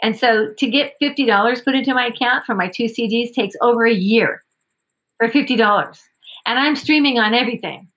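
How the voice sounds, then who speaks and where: A woman's voice: on the high side, fairly quick, a bit bright. A woman, an opera singer and voice professor, chatting casually in an interview, upbeat and laughing often. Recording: dull lo-fi audio.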